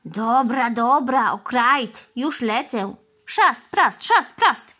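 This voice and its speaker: A woman's voice: high-pitched, animated, fairly bright tone, voice pushed up. A woman voicing a fussy, greedy male crow who squawks "kra" in a children's storybook reading. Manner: squawks "kra", brisk quick retorts.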